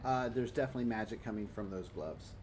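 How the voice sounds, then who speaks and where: A man's voice: fairly low pitch, quick pace, darkish tone, a little hiss or hum. A man narrating a tabletop role-playing game as game master, describing scenes in detail and walking the players through them.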